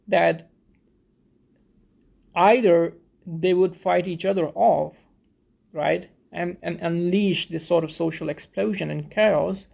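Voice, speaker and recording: A man's voice: high voice, gravelly, darkish tone. A man from Pakistan explaining a theory in a thoughtful talk, often restarting and repeating words as he searches for phrasing. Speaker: video essayist.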